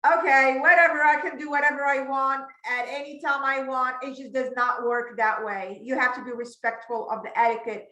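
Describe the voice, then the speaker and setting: A woman's voice: high voice, level tone, normal speed, few pauses, pushed and bright, roomy sound, poor audio. A woman hosting a casual interview, laughing often and asking questions with many restarts. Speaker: podcast host.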